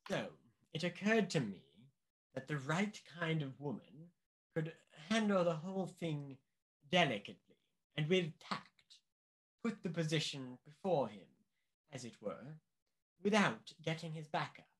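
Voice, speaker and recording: The pompous, anxious upper-class official in this mystery radio play is voiced by a male actor whose slightly high voice is animated. His delivery is deliberate and emphatic, with a persuasive, smug mood.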